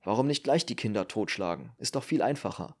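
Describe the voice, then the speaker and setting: A man's voice: on the low side, lively intonation, fairly quick, husky. A man voicing a curt, growling, exhausted male doctor in an audiobook. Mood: gruff. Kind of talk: audiobook character reading.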